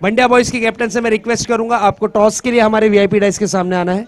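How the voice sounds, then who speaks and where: A man making loud, repeated public announcements over a loudspeaker PA system at an outdoor cricket ground. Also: sits high, flat delivery, fast talker, no room sound. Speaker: tournament announcer.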